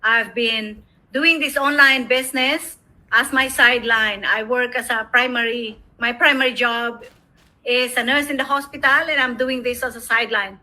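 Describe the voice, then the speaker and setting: A woman's voice: fairly high pitch, bright, forceful tone. A woman from the Philippines, a guest in a casual chat over a video call, speaking briefly and plainly.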